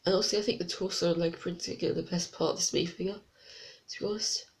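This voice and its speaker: Speaking quickly in a steady, mid-range voice, a congested reviewer goes over a toy set in a casual vlog. The commentary is relaxed and full of uncertain, rambling side remarks.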